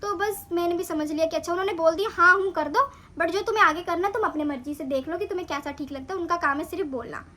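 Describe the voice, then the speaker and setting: A young woman with a high, bright voice tells her own stories in a relaxed vlog. She talks in a chatty, animated way, like someone recounting her days in clinical training. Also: fast. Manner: animated, chatty retelling of events. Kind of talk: casual storytelling vlog.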